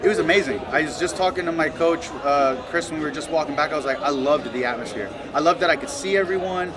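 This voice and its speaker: A man with a slightly high voice talks like a confident fighter after a bout. His speech is casual and slangy, halting and restarting as he goes. A busy crowd chatters clearly behind him. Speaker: professional fighter, interviewee. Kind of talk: casual post-fight interview. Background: busy crowd talking nearby.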